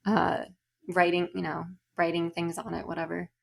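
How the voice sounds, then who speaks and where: A woman co-hosting a podcast, chatting casually in an animated, exasperated, sardonic way. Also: on the low side, normal speed, vocal fry. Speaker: podcast co-host. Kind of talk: casual chat.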